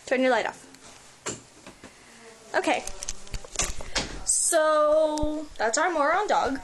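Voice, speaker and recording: A woman's voice: high-pitched, very slow, background noise. A young woman chatting casually and teasingly into a handheld camera at home late at night. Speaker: video blogger. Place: at home, indoors. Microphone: handheld camera mic.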